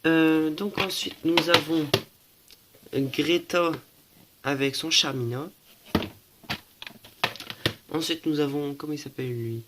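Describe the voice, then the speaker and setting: A young man from France walks through his collection in a casual show-and-tell, his voice sitting a little high. He talks hesitantly, fills gaps with small sounds, corrects himself often, and sounds slightly stuffy with allergies. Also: fairly even intonation, slow, pauses often, heavy background noise. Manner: hesitant, many fillers and self-corrections. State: stuffy, coughing. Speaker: collector showing items.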